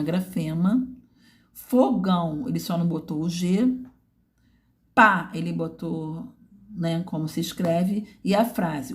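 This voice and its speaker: A Brazilian woman teacher with a fairly low, dark voice goes through a student's writing portfolio in a didactic manner, frequently checking in with her listeners.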